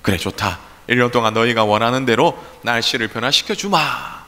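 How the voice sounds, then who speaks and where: A man's voice: medium pitch, sharp tone, close to an everyday voice. A pastor voicing God as he patiently answers and reproves complaining farmers, in an echoey church hall. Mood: granting. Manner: measured, reproachful explaining.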